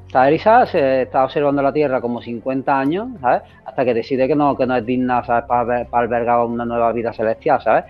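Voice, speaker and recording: A man hosting a casual chat, talking excitedly and rambling, with lots of restarts and filler questions. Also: mid-range voice, brisk, hardly any pauses, soft background music. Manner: excited, rambling, repeats himself often. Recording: dull lo-fi recording.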